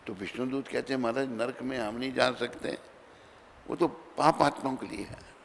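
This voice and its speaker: A man preaching a sermon in Hindi, telling a story with dramatic swings between loud and soft and acting out the dialogue. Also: mid-range voice, moderate pace, creaky. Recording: reverberant hall with faint background noise.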